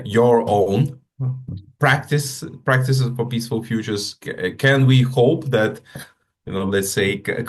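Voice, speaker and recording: A man moderating an online panel, asking questions in a hesitant way. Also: fairly low pitch.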